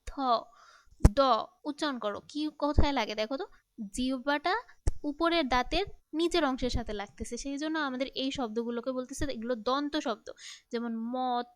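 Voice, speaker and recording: A woman's voice: high voice, smooth, no echo. A woman teacher, giving a recorded grammar lesson and explaining each point patiently and directly to her students. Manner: patient, explains step by step and speaks straight to students.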